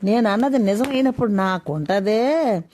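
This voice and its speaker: Storybook figure: woman doing a bragging poor father, higher pitched, proud and teasing. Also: normal speed, warm tone, close to an everyday voice. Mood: boastful. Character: boastful poor farmhand husband, proud father.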